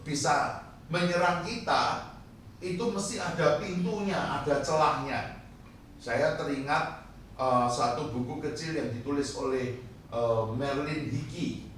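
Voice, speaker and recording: A middle-aged man preaches with great passion, his fairly high voice swinging between quiet, low passages and loud, fervent cries. He sounds distant from the microphone, and a strong hall echo trails every phrase. Faint room noise sits underneath. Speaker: pastor. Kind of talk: sermon.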